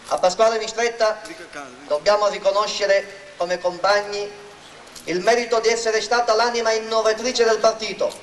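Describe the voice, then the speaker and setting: A man giving a formal, oratorical political speech at a rally, declaiming to a public square. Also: high voice. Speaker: local party politician introducing a candidate. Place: outdoor town square rally. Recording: roomy, distant mic, faint noise.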